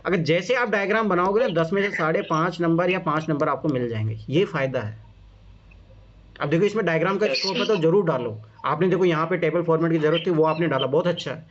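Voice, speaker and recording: A man's voice: fairly high pitch, fast. Casual Hindi-speaking male exam coach. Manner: repeats reminders, casual and encouraging. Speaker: exam coach reviewing answer copies. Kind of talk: informal coaching talk. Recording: muffled lo-fi sound with clear background noise.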